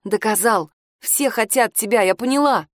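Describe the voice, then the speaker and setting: A woman's voice: on the high side, moderate pace, dry recording, clean studio sound, lightly acted. A woman voicing an embarrassed teenage girl who pleads with a tense edge in a storybook reading. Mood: pleading. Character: embarrassed teenage girl, first-person heroine.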